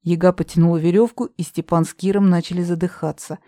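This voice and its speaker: A woman narrating a fantasy audiobook in an even storytelling read. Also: fairly low pitch, fast, no echo, studio quality.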